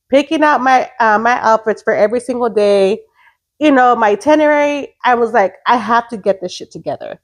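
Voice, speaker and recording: A woman in her late thirties co-hosting a casual chat podcast, blunt and profane, slipping Spanish words into her English. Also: a little high. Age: 30s. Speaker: podcast co-host.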